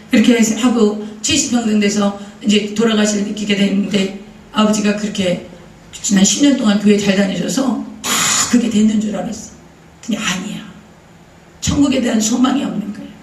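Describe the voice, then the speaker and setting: A woman's voice: mid-range voice, fairly even intonation, brisk, a little mellow, a little hiss or hum. A middle-aged woman pastor preaching a sermon, telling a story emphatically and throwing rhetorical questions at the congregation. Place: church sanctuary. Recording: roomy church hall, voice heard from a distance.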